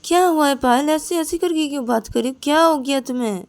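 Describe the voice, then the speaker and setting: A caring young woman who keeps asking what is wrong and gently coaxes her partner. She sounds worried and insistent, and her pitch climbs as she presses, as a woman storyteller puts her on. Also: a little slow, natural voice. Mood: coaxing. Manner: coaxing, repeated worried questions. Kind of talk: storybook narration.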